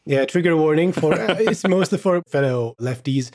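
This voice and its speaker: A man's voice: fairly high pitch, moderate pace. Chatty Hungarian-raised man in casual talk. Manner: animated, chatty, many fillers and restarts. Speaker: guest. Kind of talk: casual conversation.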